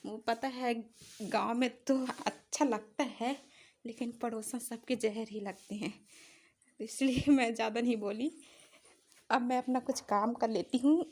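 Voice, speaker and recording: A woman's voice: fairly high pitch, fairly even intonation, a little slow, darkish tone. A young woman vlogging casually as she tours her rural home outdoors, chatty and a little apologetic, recorded on a handheld phone. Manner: chatty, apologetic, homely commentary. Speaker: village vlogger. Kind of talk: casual village vlog tour.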